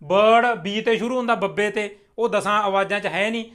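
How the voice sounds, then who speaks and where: Young male teacher, high and bright voice, patient step-by-step lesson delivery, slows right down to model example sentences. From Punjab. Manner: slow, deliberate modelling of English sentences, clear step-by-step explaining. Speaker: English teacher. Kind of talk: spoken English lesson explained in Punjabi.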